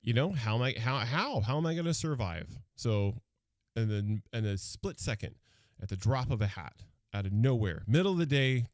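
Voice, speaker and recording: A man telling a personal story on radio in a rambling, animated way, with many restarts. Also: mid-range voice, no room sound.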